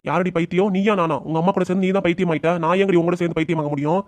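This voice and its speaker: A man voicing a stern, stubborn elderly father-in-law in an amateur cartoon, scolding his family in rapid bursts. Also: high-pitched, fairly even intonation, close to an everyday voice. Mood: angry shouting.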